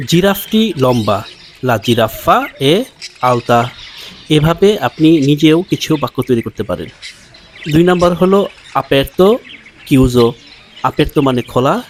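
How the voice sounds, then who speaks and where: A man teaching a language lesson, explaining patiently and saying example sentences very slowly and deliberately. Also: a little high, a little mellow, slight background noise.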